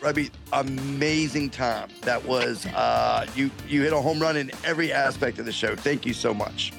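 A co-host of a talk show asking quick, friendly follow-up questions. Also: medium pitch, vocal fry, music in the background. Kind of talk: casual chat.

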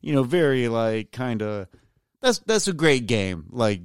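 A man's voice: medium pitch, very animated, a little slow, clean tone, dry recording, clean studio sound. A man co-hosting a podcast, rambling through a story in casual chat, a bit tipsy from drinking and mocking himself. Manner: rambling storyteller, self-mocking, restarts words. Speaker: podcast co-host.

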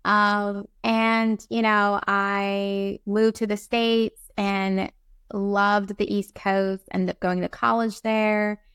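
A woman's voice: medium pitch, flat delivery, slow, a bit bright, clean tone, no room sound, studio quality. A woman from Barbados, a time management coach, chatting as an interview guest with lots of fillers and an upbeat manner. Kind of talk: casual interview talk.

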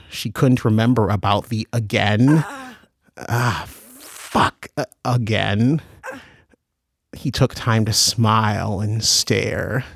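Male narrator: gravelly, dry close-mic sound, measured audiobook delivery. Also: fairly low pitch, no echo. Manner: measured, unhurried storytelling.

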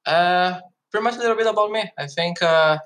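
A man's voice: high voice, fairly quick, fairly bright tone, rough recording. A man from Brazil, a guest on an interview podcast, answering casually. He sounds upbeat and leans heavily on "like" and "uh" as fillers. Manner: upbeat, heavy use of "like" and "uh" fillers. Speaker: guest, esports marketing executive.

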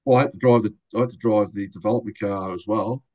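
Older bloke, low-pitched storyteller, racing guest, acts out the quotes. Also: male voice, fast talker, dull audio. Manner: animated anecdotes with quoted voices. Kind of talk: casual storytelling interview.

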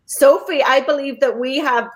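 A woman's voice: sits high, moderate pace, rough recording. Chatty woman hosting a podcast. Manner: warm thanks with fillers and restarts. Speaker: podcast host. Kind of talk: casual podcast chat.

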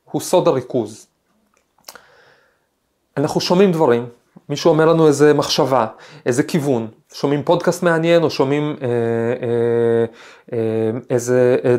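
A man's voice: mid-range voice, darkish tone. A man hosting a podcast, a professor giving a reflective talk with a personal anecdote and frequent hesitations. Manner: thoughtful, storytelling, frequent hesitations.

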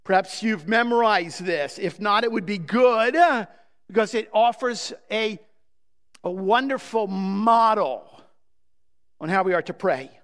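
A man preaching a sermon as pastor, emphatic and posing rhetorical questions to the congregation, often drawing phrases out slowly. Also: sits high, expressive, a bit bright. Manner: emphatic, with slow drawn-out phrases. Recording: long reverb of a large hall.

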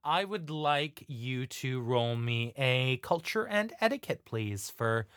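A man narrates a tabletop game as its game master. His pitch swings widely and he takes his time, with theatrical, playful delivery in a close, dry sound. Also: animated, slow pace, fairly bright tone, smooth, no room sound.

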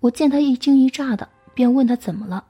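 A woman reading a story aloud in a hushed voice, often dropping to a whisper. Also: sits high, quick pace, breathy edge, dull audio, faint music behind.

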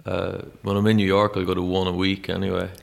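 Irish man, thirties, low gravelly voice, rambling anecdote-teller. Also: fast, slight background noise. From Ireland. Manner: rambling, animated storyteller with many "like"s. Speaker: guest, musician. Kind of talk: casual storytelling interview.

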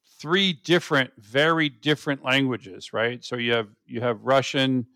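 Curious chatty American host, dry sound. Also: male voice, mid-range voice, fairly even intonation, a little slow, pushed and bright, no room sound. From United States. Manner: curious, chatty, with frequent "you know". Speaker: interview host. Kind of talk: casual interview conversation.

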